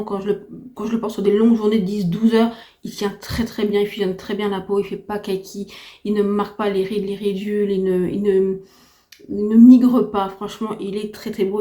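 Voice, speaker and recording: Woman vlogger, unsteady voice giving out, mellow tone. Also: medium pitch. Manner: chatty, enthusiastic, repetitive emphasis. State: recovering from a heavy cold, voice unsteady and giving out. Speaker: beauty vlogger. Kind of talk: casual product review to camera.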